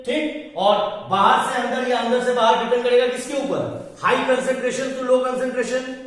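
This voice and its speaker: High-voiced male teacher in an echoey hall. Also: moderate pace, a bit bright, far from the mic. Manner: checks understanding constantly, spells out English phrases word by word. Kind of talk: classroom lecture.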